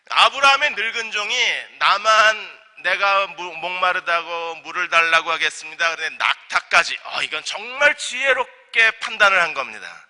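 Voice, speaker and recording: A male senior pastor preaching a sermon at a midweek service, animated and firing rhetorical questions at the congregation. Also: high-pitched. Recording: long church hall reverb.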